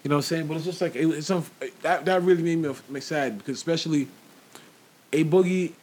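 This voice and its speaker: A man's voice: fairly high pitch, quick pace, a little mellow. A man chatting casually as a podcast host, rambling through a story with slang and restarts, acting out what others said. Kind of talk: casual chat about hip-hop gossip.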